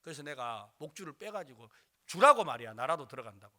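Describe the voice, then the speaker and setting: A man's voice: on the high side, big pitch swings, quick pace, sharp tone. A male pastor preaching a sermon, telling a story dramatically and acting out the voices.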